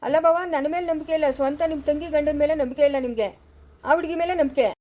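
A woman playing a sly, scheming young village man who grumbles in low asides in an amateur family drama. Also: quick pace, dark tone, close to an everyday voice. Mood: complaining.

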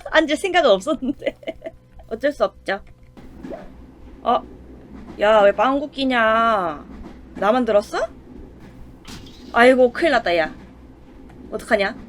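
A woman giving casual let's-play commentary with playful exclamations and chatty self-talk. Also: a little high. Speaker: game streamer.

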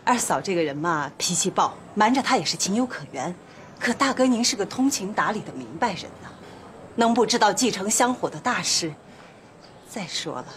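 Actress doing a chatty, wheedling sister-in-law, high and lively voice, noisy set. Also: female voice, close to an everyday voice. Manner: coaxing, persuasive, chatty. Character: shrewd talkative woman smoothing over a family quarrel. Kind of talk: television period drama acting. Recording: noisy background.

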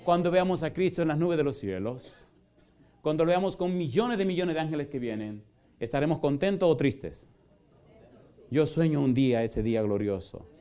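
A middle-aged male pastor preaching an evangelistic sermon in a church, firing rhetorical questions and moving from loud preaching to soft pleading. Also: on the high side, lively intonation, moderate pace, clean tone. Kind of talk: evangelistic sermon with altar call. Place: church in Houston, Texas.

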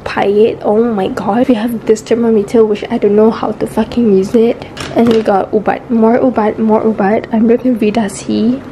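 Her voice is high-ish, level and mellow, moving at a normal speed with few pauses, though she coughs and is losing it because she's sick. The young Malaysian woman chats to camera from her bedroom in accented English sprinkled with Malay. A close-held or tripod camera mic gives poor audio with slight background noise.

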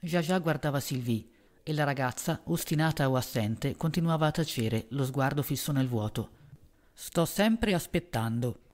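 A man narrating a novel as an audiobook in a measured, even reading voice. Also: medium pitch.

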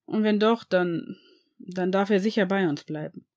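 A reader voicing a calm aristocratic man who speaks in a reassuring way. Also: medium pitch, normal speed, natural voice. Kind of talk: audiobook fan reading.

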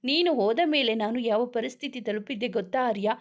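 A woman's voice: fairly high pitch, a little fast, close to an everyday voice. A woman reading the lines of an emotional young woman in love in a romance story, speaking in a heartfelt way. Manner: heartfelt, tearful pleading.

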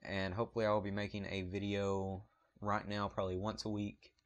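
A man's voice: fairly low pitch, level tone, a little fast. A man with a Southern US accent hosting his photography channel, talking casually to camera in an apologetic, rambling way, recorded on a point-and-shoot camera mic.

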